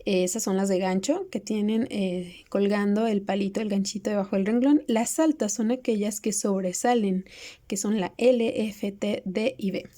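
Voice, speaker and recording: A woman's voice: mid-range voice, normal speed, dark tone. A woman teacher patiently explaining writing rules to pupils, talking to them directly.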